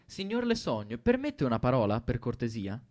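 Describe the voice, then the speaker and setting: A man voicing a stern, formal male teacher who speaks in measured phrases. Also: mid-range voice, sing-song, a little mellow, close to an everyday voice.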